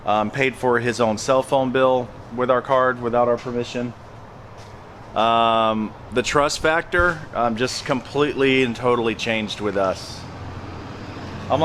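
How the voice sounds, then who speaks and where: A man's voice: mid-range voice, a bit bright, a little hiss or hum. A man running a landscaping business talks casually to a handheld camera, plain-spoken and emphatic, often repeating his phrases. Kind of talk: casual vlog talk to camera.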